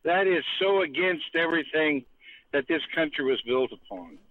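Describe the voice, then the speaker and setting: A man's voice: a little high, lively intonation, normal speed, dry recording. A man calling in to a radio show, rambling emphatically and restarting his sentences. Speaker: caller. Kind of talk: call-in political rant. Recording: tinny phone line.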